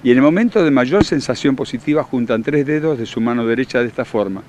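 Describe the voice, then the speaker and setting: Un hombre con acento argentino que da talleres y explica con tono seguro, didáctico y enfático. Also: male voice, mid-range voice, lively intonation, fast, darkish tone, dull audio. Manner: confident, instructive, emphatic. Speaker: workshop leader and therapist. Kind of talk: explanatory interview answers.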